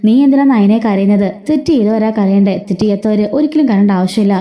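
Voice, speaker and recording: A woman voicing an outspoken young woman who defends her sister with sharp, scolding questions in a told story. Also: mid-range voice, fast, natural voice. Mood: indignant.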